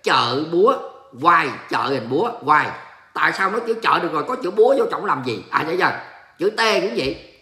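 A man's voice: a little high, big pitch swings, fairly quick, bright, forceful tone. A Vietnamese man hosting a casual livestream, reading viewer comments aloud and joking in an exclamatory way, mixing in English words. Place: home in Texas. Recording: echoey room.

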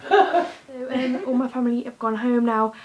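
A woman's voice: fairly high pitch, normal speed, a little mellow, highs cut off, a little hiss or hum. Chatty teenage girl vlogging to camera. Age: teens. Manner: chatty, rambling with many fillers. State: slightly out of breath. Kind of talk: casual vlog talk to camera. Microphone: handheld device camera.

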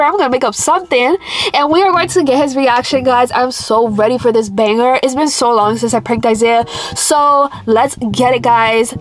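High, congested nasal young woman. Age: young adult. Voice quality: congested nasal voice, as with a broken nose, nose blocked by splints. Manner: pauses for breaths through the mouth. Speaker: prank vlogger. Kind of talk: casual chat to camera. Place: inside a parked car.

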